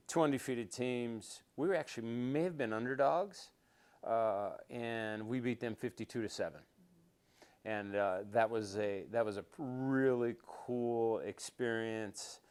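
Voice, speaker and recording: An older man with a smooth, resonant voice, looking back on old memories in a relaxed interview. He wanders through his stories with fillers and restarts, then gets lively as the tale builds. His pitch sits right in the middle for a man. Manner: rambling with many restarts and fillers, grows animated telling stories. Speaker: interview guest, former quarterback.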